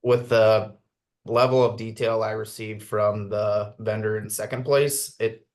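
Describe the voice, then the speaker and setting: Technical staffer: lowish man's voice, matter-of-fact, explains details plainly in a meeting. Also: fairly even intonation, a little slow, darkish tone. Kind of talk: committee meeting discussion. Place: town committee meeting room.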